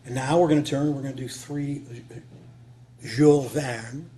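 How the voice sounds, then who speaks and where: Clear hum and noise mark this live recording of a radio drama writer speaking at a conference before a small group in a meeting room. His folksy, off-the-cuff talk repeats phrases for emphasis, delivered in a steady, mellow, medium-pitched voice at normal speed.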